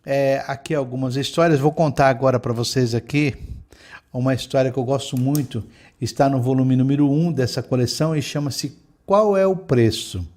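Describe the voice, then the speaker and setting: A middle-aged man giving a spiritual lecture, telling stories in a gentle, reflective way with many pauses. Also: mid-range voice. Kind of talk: lecture with storytelling.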